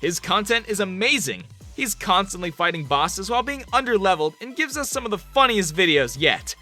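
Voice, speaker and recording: A man's voice: sits high, big pitch swings, fairly quick, bright, forceful tone, soft background music. A man reading scripted countdown narration for a video compilation in an upbeat delivery.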